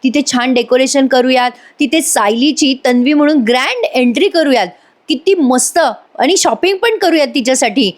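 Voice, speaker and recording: A woman's voice: a little high, fairly quick, few pauses, lightly acted. A woman voicing a cheerful young woman, bubbly and eager with ideas.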